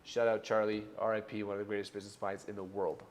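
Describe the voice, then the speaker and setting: A man's voice: lowish voice, level tone, fast, slight background noise. A man in his late twenties from Canada, talking casually and earnestly to the camera in a travel vlog. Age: 20s. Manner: earnest, reflective, upbeat. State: out of breath. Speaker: vlogger. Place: traveling abroad, outdoors and in.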